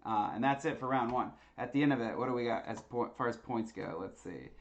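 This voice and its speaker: A man casually hosting a live-streamed trivia night, chatty and quick to laugh between answers. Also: mid-range voice, muffled recording. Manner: chatty, laughs easily, lots of uh fillers.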